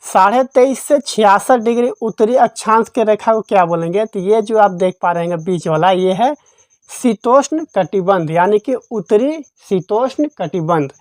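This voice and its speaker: A woman's voice: medium pitch, normal speed, a little mellow, dry recording. Woman teaching geography in a dry voice-over. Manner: repetitive quiz-style, asks and answers her own questions. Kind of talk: exam-prep lesson.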